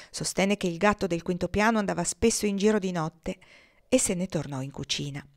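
A woman reading a novel aloud in a measured, expressive way. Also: lowish voice. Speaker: audiobook reader.

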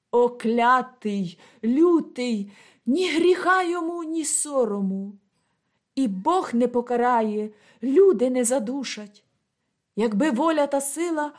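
Slow, impassioned woman storyteller. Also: on the high side. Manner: impassioned, expressive. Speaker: audiobook reader. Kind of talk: dramatic literary reading.

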